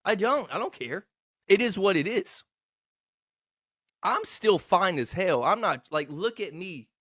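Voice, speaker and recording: A man's voice: high voice, expressive, measured pace, a bit bright, dry recording, studio quality. A man, hosting a casual, rambling solo podcast in a profane, slangy, boastful yet self-deprecating way. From Texarkana, United States. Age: 20s. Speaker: podcast host.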